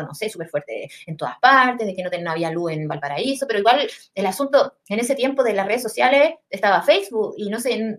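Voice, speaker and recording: Young chilean woman telling a story, slangy, swears a lot, kinda high voice. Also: a bit bright. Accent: Chilean Spanish. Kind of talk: casual storytelling.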